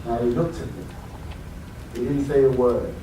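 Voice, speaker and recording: A man's voice: medium pitch, fairly even intonation, moderate pace, dark tone, slight background noise. A man giving a live motivational talk, telling stories and prompting his audience with questions. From United Kingdom. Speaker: motivational speaker. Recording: echoey hall, voice from far off.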